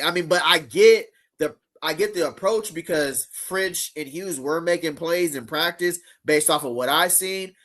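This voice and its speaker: A man's voice: a little high, a bit bright. A man hosting a live fan show in a casual, laid-back way, using slang and reading chat comments aloud. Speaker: show host.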